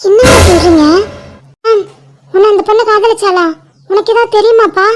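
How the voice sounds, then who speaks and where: A woman's voice: very high-pitched, normal speed. A woman voicing an anxious mother in a cartoon, fretful and questioning. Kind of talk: cartoon voice acting.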